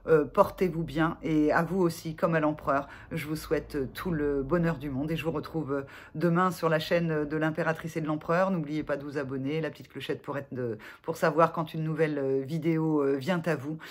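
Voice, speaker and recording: A woman therapist giving gentle self-help advice to viewers in a vlog, speaking haltingly with many filler sounds and restarts. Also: sits low, fairly even intonation. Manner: gentle, reassuring address to viewers.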